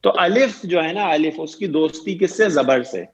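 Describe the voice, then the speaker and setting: A man with a fairly high voice leads an online grammar lesson. He talks patiently, repeats each point and keeps checking that his students understand. The audio is muffled, like a lo-fi call line. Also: lively intonation. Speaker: Arabic grammar teacher.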